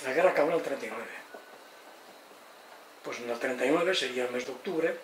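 An older man in his eighties from Spain, giving a lecture in an expressive way, often asking "eh?" and acting out the people he quotes. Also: medium pitch, brisk. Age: 80s. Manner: expressive, tag questions, acts out quotes. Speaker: lecturer on psychology and education. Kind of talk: lively lecture talk. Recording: roomy, distant mic, faint noise.

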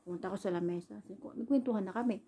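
A woman's voice: medium pitch, very fast, dark tone, a little hiss or hum. A Filipino woman, an overseas caregiver, casually recounting a personal story in a rambling vlog style, full of fillers. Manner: rambling, fillers like "ayan", retells quoted dialogue. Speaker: overseas worker and caregiver vlogger.

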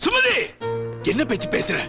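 A man's voice: very high-pitched, wildly swooping pitch, moderate pace, creaky, music in the background, heavily acted. An actor playing a hot-tempered, gun-waving middle-aged father who scolds and threatens in melodramatic film dialogue. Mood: scolding.

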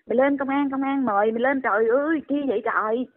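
Older woman, indignant, exclaiming, raised pitch, phone-line sound. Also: fast. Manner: scolding, exclaiming often.

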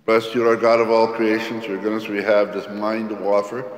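A man leads the liturgy in a low, solemn voice, reciting each prayer at a steady, measured pace. His words ring out with a long cathedral echo, as in a large, roomy church. Each phrase hangs in the air of the hall. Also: slight background noise. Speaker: priest. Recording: long echoey church reverb.

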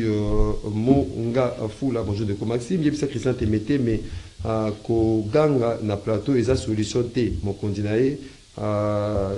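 Man, host reading comments, mellow dark tone, halting with fillers. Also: fairly low pitch. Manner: halting reading with many fillers, mixing French and Lingala. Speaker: radio host reading listener messages. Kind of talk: reading viewer comments aloud on a talk show.

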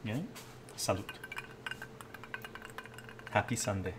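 An older man live-streams his cooking from a home kitchen in a relaxed, chatty way, reading comments from the chat aloud as he works. His voice is fairly low and slow, picked up by a camera at a distance. The background is noisy with clattering dishes and cutlery.

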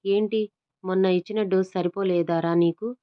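A woman's voice: on the low side, fairly even intonation, moderate pace, highs cut off, natural voice. A woman voicing a fierce, brash young woman. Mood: bold. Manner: brash, threatening.

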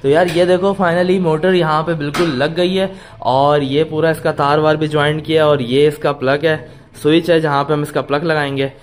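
A man's voice: fairly high pitch, steady tone, normal speed, a little hiss or hum. Chatty man vlogging at home. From Pakistan. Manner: chatty, addresses viewers as brothers. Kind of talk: casual home vlog narration. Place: home rooms and utility corner, indoors. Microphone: phone camera at arm's length.

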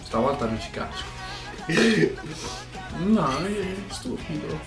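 A man's voice: on the high side, very animated, slow. A man in his twenties chatting casually and dramatically as co-host of a video in a small home room. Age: 20s. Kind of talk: casual chat, reaction challenge. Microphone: desk webcam distance. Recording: roomy sound with music behind.

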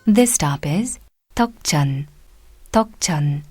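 A woman reading a prerecorded train station announcement in a slow, deliberate, formal manner. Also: sits low, expressive, darkish tone, breathy edge, soft background music. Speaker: subway announcer.

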